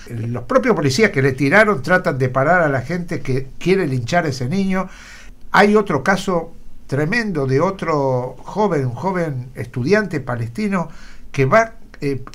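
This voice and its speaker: A man's voice: medium pitch, a bit bright. Earnest man in radio news commentary. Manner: earnest, many filler "eh" pauses, emphatic bursts.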